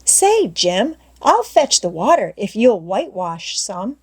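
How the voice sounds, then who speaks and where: A woman's voice: medium pitch, big pitch swings, slow pace, darkish tone, breathy edge, exaggerated voice. A woman voicing an eager, scheming young boy from a storybook, with a coaxing, breezy, folksy way of talking.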